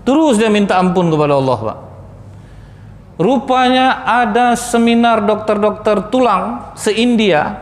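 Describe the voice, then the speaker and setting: Preacher in an echoey hall. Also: male voice. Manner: addresses audience as Pak and Bu, acts out dialogue in lowered voice. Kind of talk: sermon storytelling. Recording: echoey hall, faint background noise.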